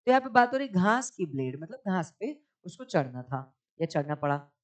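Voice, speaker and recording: A man's voice: high voice, sing-song, normal speed. A man teaching an English reading lesson in Hindi and English, explaining word meanings patiently and quizzing his listeners. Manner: patient, repeats words and asks quiz questions.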